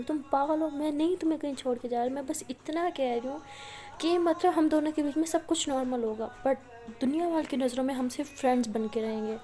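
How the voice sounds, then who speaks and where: A woman's voice: high voice, warm tone. A woman with an Indian Hindi-Urdu accent, casually retelling a love story and passing on what each character says in chatty indirect speech.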